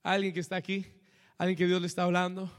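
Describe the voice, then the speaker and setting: A man's voice: sits high, monotone, fast talker. A man preaching a sermon in a church hall, calling out to the congregation and slipping English phrases into his talk. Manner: preaching with rising intensity, calls to congregation; mixes Spanish with English phrases. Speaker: pastor. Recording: long reverb of a church hall.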